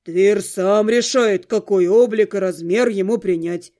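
A woman's voice: mid-range voice, a little slow, mellow, voice pushed down, lightly acted. A woman voicing a grumpy, sarcastic male ghost who lives in a mirror and answers in curt, grudging replies. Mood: grumbling.

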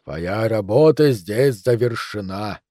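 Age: adult man. Figure: a man doing a slow, grave doctor. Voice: measured. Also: on the low side, animated, warm tone, dry recording, studio quality.

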